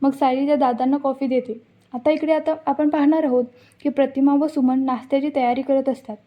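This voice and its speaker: High-voiced woman recapping a serial. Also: steady tone, a little fast. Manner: unscripted, with frequent restarts. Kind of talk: casual episode recap. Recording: dull lo-fi recording.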